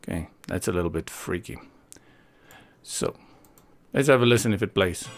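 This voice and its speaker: A playful, opinionated South African man talks through a casual software tutorial, reasoning out loud along the way. His voice is low with vocal fry, animated and at a normal speed.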